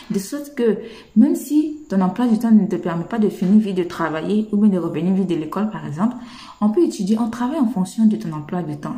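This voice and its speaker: A woman teaching English in a casual, chatty, teasing way, slowing down to drill pronunciation. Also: mid-range voice, mellow. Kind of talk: casual spoken lesson. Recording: echoey room.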